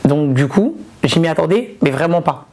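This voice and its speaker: A woman's voice: low voice, lively intonation, moderate pace, darkish tone. A woman from Ivory Coast, a comedian and influencer, chatting casually in an interview and repeating words for emphasis.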